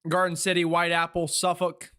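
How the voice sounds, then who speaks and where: A man with a fairly high, very bright and forceful voice gives live storm coverage. He sounds urgent and excitable, thinking aloud in an informal way as the host of a weather stream. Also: moderate pace, clean tone.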